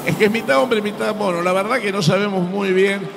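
An Argentine-accented man commentates on wrestling in excited play-by-play. His voice is high and emphatic, repeating key words, with loud music playing behind him. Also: brisk, gravelly. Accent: Argentine Spanish.

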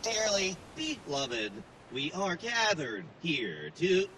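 A man voicing a solemn wedding officiant who speaks slowly and formally. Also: high voice, very animated, bright, forceful tone, full character voice. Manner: slow formal ceremony speech. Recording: game audio with clear background noise.

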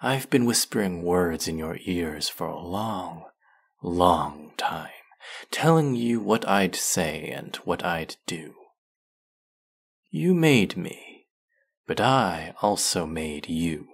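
Performing a brilliant, vengeful villain in a fantasy audio roleplay, a man uses a low-pitched, exaggerated voice with lively intonation and vocal fry. He is deliberate, sardonic and threatening, radiating cold menace, and his intimate delivery can slip toward a whisper.

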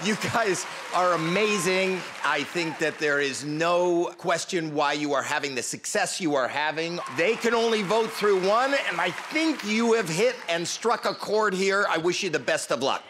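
A man offers a talent show judge's calm, encouraging feedback. His voice sits fairly high for a man. Studio audience noise runs behind him. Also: unhurried, few pauses, crowd noise. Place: judges' desk in a large studio arena.

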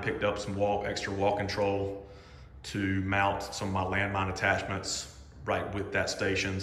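A man in his forties giving a casual walkthrough of his home gym equipment, talking in a relaxed, chatty way with lots of fillers, recorded on a handheld phone. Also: fairly low pitch, slight background noise. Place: echoey home gym room. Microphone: phone camera held while walking. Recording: roomy reverberant home gym.

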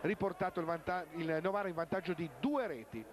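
A man giving live match commentary as a sports commentator, excited and drawing out words at goals. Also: on the high side, brisk. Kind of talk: live goal commentary on an Italian roller hockey match. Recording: very noisy sports hall TV broadcast.

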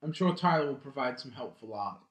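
A man's voice: mid-range voice, animated, fairly quick, echoey room, low-quality recording. A young man casually riffing on a bad movie, swearing freely and talking while snacking, with lots of "like" and "um".

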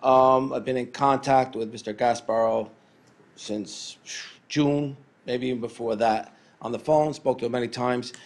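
A man, a police chief, reading a letter aloud at a town council meeting, plain and steady with some fillers. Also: medium pitch, unhurried. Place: council chamber.

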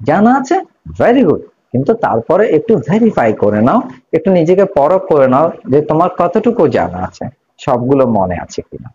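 A man's voice: on the high side, big pitch swings, normal speed, dark tone, muffled recording, a little hiss or hum. A man teaching an English grammar lesson, explaining step by step and asking questions of his learners.

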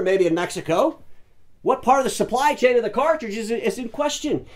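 High-voiced sarcastic man hosting a show. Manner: animated, sarcastic, mocking imagined phone calls. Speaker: show host. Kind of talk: casual commentary to camera.

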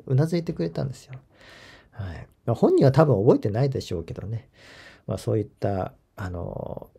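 A man's voice: mid-range voice, creaky, dark tone, breathy edge. A man hosting a golf channel, reading viewer comments in a chatty, rambling way and chuckling at his own asides. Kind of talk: casual spoken commentary.

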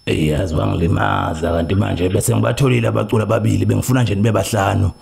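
In a prank call, a South African man plays a solemn traditional healer, speaking slowly, deliberately and hesitantly while repeating himself in a persuasive mood. His voice sits on the low side with vocal fry, and crowd noise can be heard.

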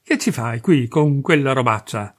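A man's voice: mid-range voice, expressive, moderate pace, vocal fry. A male reader voicing a brash, mocking freethinking Parisian man who talks boastfully and scornfully. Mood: angry.

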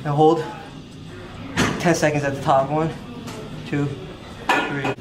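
A man's voice: on the high side, little pitch movement, takes it slowly, rough recording. Brash young man vlogging in a gym. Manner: brash, swearing, joking bravado. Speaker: fitness vlogger. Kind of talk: casual gym vlog chat. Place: commercial gym, indoors. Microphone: handheld camera mic. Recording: gym vlog with loud background music. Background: loud music.

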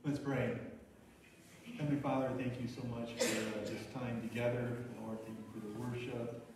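A middle-aged man giving a sermon with an opening prayer in a small church, talking in a relaxed, halting way with many fillers. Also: mid-range voice, noisy background. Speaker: guest speaker. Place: small church hall with congregation. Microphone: far camera at back of room. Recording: echoey room from far off.

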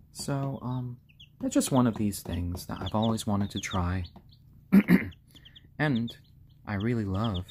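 On a home live stream, a man with a fairly low, slightly hoarse voice chats casually indoors, his pitch swinging widely as he shifts from halting explanation to cooing softly at his pets. Birds and other clear background noise can be heard behind him.

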